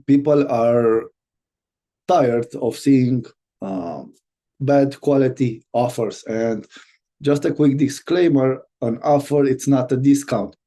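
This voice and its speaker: A man from Romania, speaking with a Romanian accent in a mellow mid-range voice, coaches business in an online course. He talks haltingly, filling gaps and starting over frequently.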